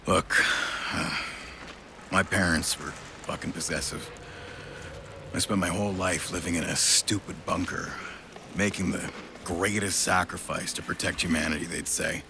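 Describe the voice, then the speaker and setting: In a video game cutscene, a male actor voices a bitter, world-weary survivor: an outrider's son buried in debt, cynical and foul-mouthed. His delivery is steady but halting and profane, the voice very gravelly and fried. Background rumble and ambience are clearly audible.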